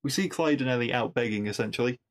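A man's voice: medium pitch, fast talker. A man hosting a podcast, casually recapping a TV episode with wry asides and frequent restarts. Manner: chatty, wry asides, repeats words while thinking. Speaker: podcast host reviewing episodes.

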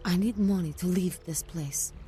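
Woman acting a dark, mellow, eerie young seer. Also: on the low side, faint music behind, close to an everyday voice. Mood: weary, ominous. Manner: eerie, halting, prophetic, speaking in riddles. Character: cryptic, troubled young female seer telling dark fortunes. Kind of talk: dramatic video game acting. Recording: noisy, with background ambience.

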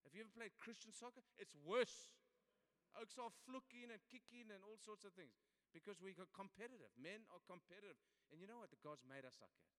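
A man's voice: high-pitched, lively intonation, fast, fairly bright tone. An older man with a South African accent, preaching a sermon to men in a chatty, storytelling way. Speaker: pastor. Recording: long hall reverb.

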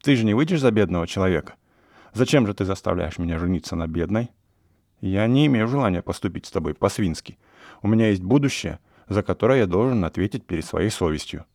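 A man's voice: low voice, expressive, quick pace, darkish tone, dry recording, studio quality. A man voicing a plump young German baron who coolly lectures and refuses to marry. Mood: cold.

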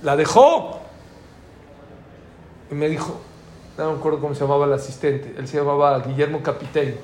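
There's echo and faint ambient noise as a middle-aged man with a Mexican Spanish accent teaches an informal religion class. His slightly high voice moves at a moderate pace, and he tells his anecdotes with liveliness, acting out the dialogue.

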